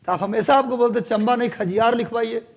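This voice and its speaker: A man telling a story and quoting an earnest male Himachali coaching-center clerk who insistently corrects him, in a high, softer voice. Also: a little fast, gravelly, heavily acted.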